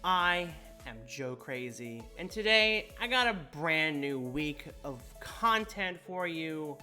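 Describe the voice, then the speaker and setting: A man's voice: a little high, expressive, slow pace, pushed and bright, faint music behind. A man hosting a casual vlog update, playful with chuckling asides. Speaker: host of a tabletop game update channel.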